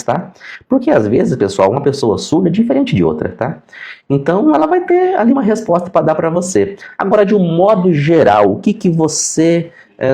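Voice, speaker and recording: A man with a Brazilian accent, a sign language teacher and interpreter, telling stories in a casual lesson and acting out the dialogue. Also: mid-range voice. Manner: animated, acts out quoted dialogue. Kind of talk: casual storytelling lesson to viewers.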